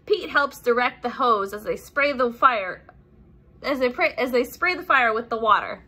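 Her voice a little high and her pace normal, a young adult woman reads aloud from a children's picture book. She performs exclamations and sound effects with animation and adds easy-to-follow explanations.

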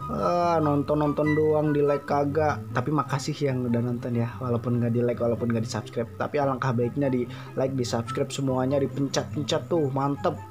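A young man with a Jakarta colloquial accent talks over his riding footage in a loose, joking way, full of slang and tangents. His voice sits at an ordinary middle pitch. Music plays clearly underneath. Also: flat delivery, moderate pace. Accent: Jakarta colloquial Indonesian. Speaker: motovlogger. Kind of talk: dubbed voice-over commentary.

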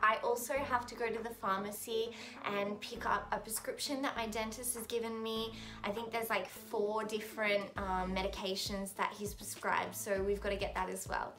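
A woman's voice: mid-range voice, flat delivery, moderate pace, music in the background. A woman, talking casually to camera as a vlogger. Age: 20s. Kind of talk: casual vlog talk to camera.

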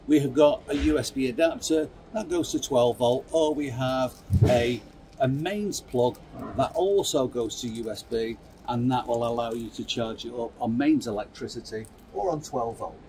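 A man in his fifties speaks in a warm tone at normal speed, pitching a product kit with upbeat energy and handling it as he explains, at a trade show stand. It was shot on a close phone camera, and the low-quality recording carries clear trade show floor noise.

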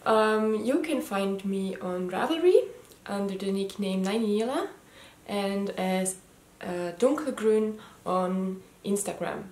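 A woman in her thirties, a native German speaker with a slight Austrian accent, hosts her first knitting video podcast from her living room, chatting casually to the camera. Her medium-pitched, darkish voice is animated but slow, with hardly any pauses, and she sounds hesitant, with many ums and restarts. The camera mic frames her head and shoulders in an echoey room.

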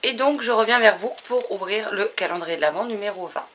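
A woman's voice: medium pitch, brisk, very noisy. A woman from France chatting casually to camera as she unboxes advent calendar gifts, enthusiastic and often trailing off with fillers.

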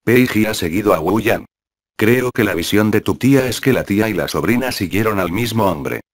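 A man reading the lines of a teasing, know-it-all young girl in a flat, low voice. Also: normal speed, no room sound. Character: cheeky meddling young girl, Bai Ou.

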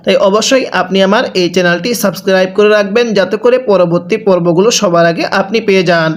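Male Quran teacher, high voice, slow patient syllable drills. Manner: spells syllables slowly and repeats them for the learner. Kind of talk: slow spelling drill lesson.

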